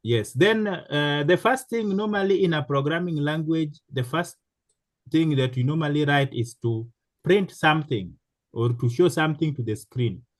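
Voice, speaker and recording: A man teaching a programming class in a slow, halting way, with many fillers and restarts. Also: fairly high pitch, no echo. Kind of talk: live online class instruction.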